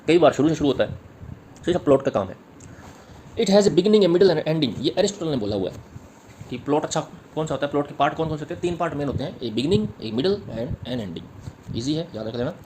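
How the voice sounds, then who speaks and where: A man's voice: a little high, expressive, fairly quick, a little mellow, slight background noise. A man teaching literature in an exam-prep lecture. He explains step by step, repeats key points and taps out rhythms aloud. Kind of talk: exam-prep lecture mixing Hindi and English.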